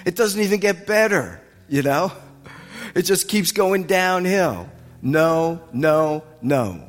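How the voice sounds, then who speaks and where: A male pastor delivering a sermon with a somewhat high voice, expressive and rising in pitch as he brings scenes to life. His voice rings through a reverberant worship hall. Soft music plays faintly underneath. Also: slow. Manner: expressive, rises in pitch when retelling scenes.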